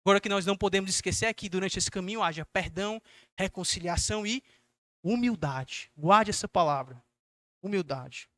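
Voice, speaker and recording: Earnest young male preacher, high bright voice. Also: fairly quick, dry recording. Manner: earnest, exhorting, acts out questions in a gentle asking tone. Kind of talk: youth service sermon.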